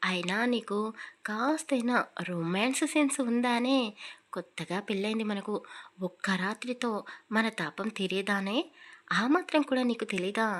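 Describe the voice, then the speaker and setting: A woman's voice: medium pitch, normal speed, natural voice. Woman doing a teasing young husband.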